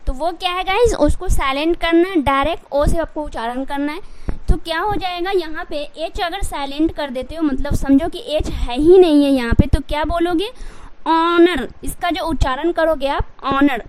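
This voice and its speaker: A woman's voice: sits high, moderate pace, background noise. A woman teaching English pronunciation, repeating rules and answering her own questions. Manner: repetitive, drilling, asks and answers own questions. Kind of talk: Hindi English pronunciation lesson.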